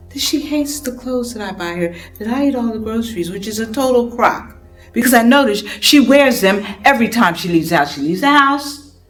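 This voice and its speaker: Woman acting an exasperated, indignant grown daughter, swooping pitch. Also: close to an everyday voice. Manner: emphatic, indignant storytelling. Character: exasperated grown daughter recounting fights with her domineering mother. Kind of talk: dramatic stage monologue.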